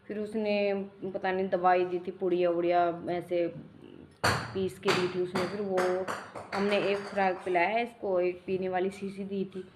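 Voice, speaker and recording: A woman's voice: fairly low pitch, flat delivery, measured pace, a little hiss or hum. A young woman, a mother, tells a casual home-vlog story in a rambling, homely way with many restarts. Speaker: mother vlogger.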